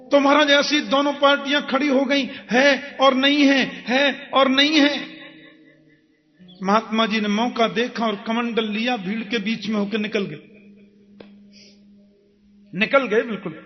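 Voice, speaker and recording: A man delivers a devotional sermon in a strikingly high voice, telling folksy stories and chanting verses. The recording sounds dull and lo-fi, with a long hall reverb trailing behind him. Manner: folksy storytelling, acts out dialogues, chants verses. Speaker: kathavachak preacher.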